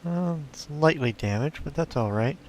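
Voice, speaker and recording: A man's voice: on the high side, animated, moderate pace, a little hiss or hum. A man giving casual gameplay commentary as a let's play host, thinking aloud and talking to his viewers.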